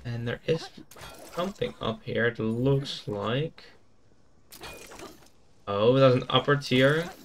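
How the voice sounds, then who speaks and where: Guy chilling thru a game level, slow and laid back, talking to himself. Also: medium pitch, a little hiss or hum. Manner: thinking aloud, easygoing. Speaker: gaming YouTuber. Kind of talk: casual gameplay commentary.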